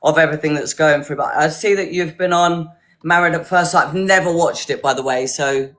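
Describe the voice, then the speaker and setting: A woman from Hertfordshire with a bright, forward voice. She talks in a casual, rambling way, as a contestant chatting over a video call. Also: low-pitched, brisk. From Hertfordshire, England. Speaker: dating show contestant. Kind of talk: casual chat.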